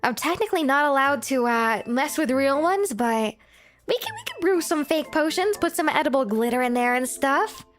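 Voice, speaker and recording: A woman's voice: high-pitched, expressive, moderate pace, soft background music. A woman hosting a casual livestream, chatting to viewers in a cute, giggly anime-streamer manner. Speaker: livestream host.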